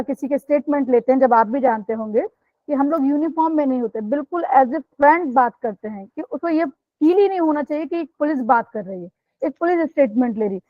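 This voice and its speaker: A woman's voice: high-pitched, no echo, highs cut off. A woman police sub-inspector giving a guest talk in a webinar, earnest and explanatory, speaking straight to her listeners. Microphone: video call microphone.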